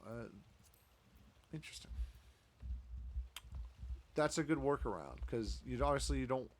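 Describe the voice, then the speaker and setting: A man's voice: medium pitch, lively intonation, a little slow, a little hiss or hum. A man streaming a video game, chatting casually and rambling to himself as he plays. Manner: rambling, self-talking, chatty with fillers. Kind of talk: casual gameplay commentary.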